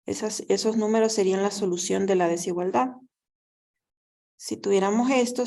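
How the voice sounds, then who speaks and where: This math teacher has a medium-pitched, dark voice. Recorded during a lecture, she explains things patiently and step by step, regularly asking her students "¿verdad?".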